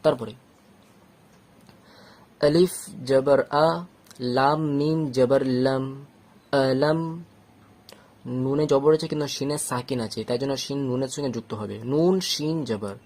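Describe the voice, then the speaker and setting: A man teaching Quran reading, sounding out letters slowly syllable by syllable and explaining each step calmly. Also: medium pitch. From Bangladesh or West Bengal. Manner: slow syllable-by-syllable drilling; explains calmly, checks with "okay?". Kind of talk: patient step-by-step recitation lesson.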